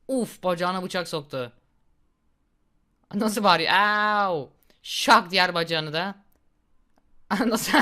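A young man giving casual, excitable gameplay commentary, reacting loudly and laughing at gory moments. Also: sits high. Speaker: gaming YouTuber.

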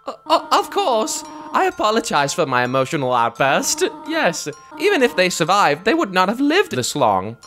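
A man voicing a gentle, motherly goat queen who speaks formally and sentimentally. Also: high-pitched, huge pitch swings, normal speed, few pauses, voice pushed up, full character voice. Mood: kindly. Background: game music.

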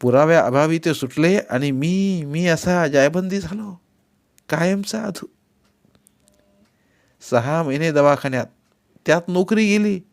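A man narrating a novel as an audiobook, giving the characters' dialogue raised, forceful delivery. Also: unhurried, pauses often. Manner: voices characters with rising pitch and force in dialogue. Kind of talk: dramatic audiobook reading.

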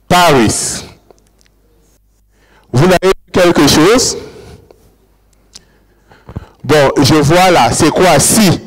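A man giving an academic lecture, explaining and repeating key words and checking with his audience whether they follow. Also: medium pitch. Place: large lecture hall. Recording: long hall reverb.

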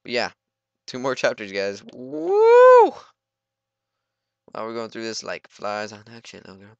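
A man's voice: lowish voice, fairly even intonation, a little fast, fairly bright tone, clear, resonant tone, dry recording, lo-fi sound. Goofy young man rambling over gameplay. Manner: goofy, rambling, jokey, talks to the game. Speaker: let's play gamer. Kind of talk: casual let's play commentary.

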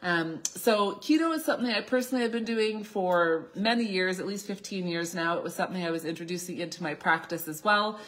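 A woman's voice: on the low side, fairly quick, hardly any pauses, a bit bright. A woman in her thirties with a slight cold, explaining things as a doctor on an informal live Q&A. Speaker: naturopathic doctor hosting a live Q&A. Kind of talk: informal live question-and-answer talk. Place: small indoor office, seated at a desk.

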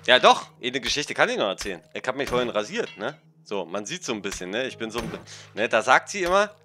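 A man's voice: medium pitch, sing-song, fast talker, sharp tone, faint music behind. A man casually rambling through funny anecdotes while commenting on a game, tagging his sentences and laughing along. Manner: rambling, chatty, constant "ne?" tags, laughs at own stories. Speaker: let's play streamer. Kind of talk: casual gameplay commentary and storytelling.

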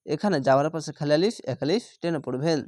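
A man teaching Quran reading, sounding out each letter and syllable slowly and patiently in a step-by-step lesson. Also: on the high side, darkish tone, no echo, clean studio sound. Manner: slow, drawn-out syllable-by-syllable recitation.

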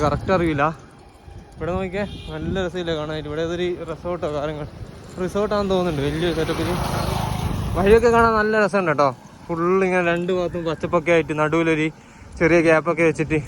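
Here a Malayali man narrates his cycle tour in a relaxed, talkative way, calling attention to things by the roadside. His voice sits on the high side, and wind and traffic noise fill the background.

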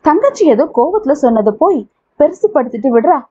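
A woman reading the part of a calm young man who reassures and advises his friend. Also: high-pitched, brisk. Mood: consoling. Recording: tinny phone-like audio.

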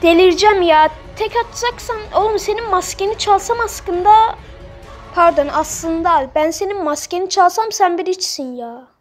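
Very high-voiced woman, excitable gameplay commentary, mouthy trash talk, faint music behind. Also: normal speed. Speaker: gamer playing on a role-play server. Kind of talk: live let's-play commentary.

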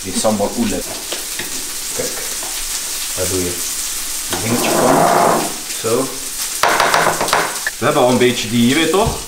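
A man chatting casually in street slang as he cooks, repeating words excitedly. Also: medium pitch, slow, long pauses. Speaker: home cooking vlogger. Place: home kitchen with food sizzling. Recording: roomy kitchen, clear background noise.

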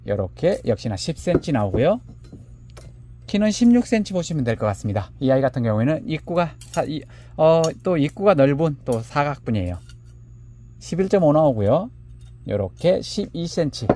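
A man presenting handmade succulent pots for sale, measuring each one aloud and calling the pots "little ones" in a gentle, unhurried way. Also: medium pitch. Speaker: seller of handmade plant pots. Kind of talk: product showcase live sale.

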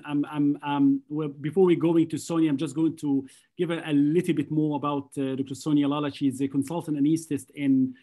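A man moderates a webinar on a video call from an indoor room. He introduces the next speaker in a somewhat high voice, stumbling and hesitating over his words with many fillers. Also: mellow.

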